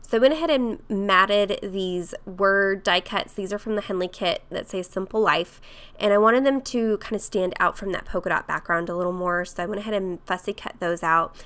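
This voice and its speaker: A woman with a cold-roughened voice, chatting casually through a craft tutorial voice-over. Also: medium pitch, normal speed. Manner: chatty, with fillers and soft laughs. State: hoarse from a cold. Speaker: craft vlogger.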